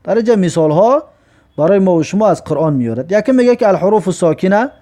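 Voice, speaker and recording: A man's voice: sits high, expressive, warm tone. A man teaching Arabic letters, stretching out each sound and repeating it patiently before explaining it. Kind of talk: slow, drawn-out recitation lesson.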